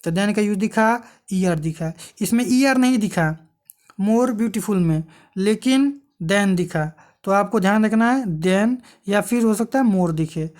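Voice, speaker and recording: A woman's voice: mid-range voice, expressive, slow pace, darkish tone. Woman teaching grammar. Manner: explains patiently, asks and answers her own questions. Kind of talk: exam-prep grammar lesson.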